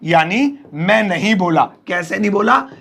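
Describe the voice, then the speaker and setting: A man teaching English phrases to Hindi speakers, drilling each phrase slowly word by word with playful asides to viewers. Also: high-pitched, expressive, a bit bright, slightly rough. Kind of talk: Hindi-language English lesson.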